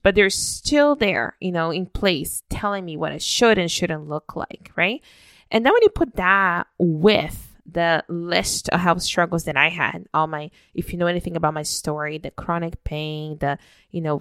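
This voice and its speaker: Brazilian-born woman chatting about her book, lowish smooth voice, dry sound, laughs a lot. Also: no echo. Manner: warm, laughs often. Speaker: author. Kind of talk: casual talk.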